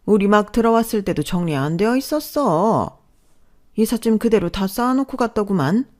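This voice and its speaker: A woman's voice: mid-range voice, animated, normal speed, darkish tone, close to an everyday voice. A woman voicing a domineering older mother-in-law who scolds with contempt. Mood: scornful.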